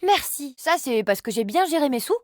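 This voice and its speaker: These video game voice lines come from a woman playing a sarcastic, cheeky young immortal agent, casual and teasing in tone. She speaks at normal speed in a high, lively voice, recorded dry and clean in a studio.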